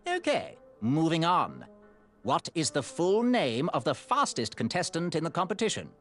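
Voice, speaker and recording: A man's voice: on the high side, huge pitch swings, moderate pace, fairly bright tone, soft background music. An actor playing an officious, showy male tournament examiner in a video game.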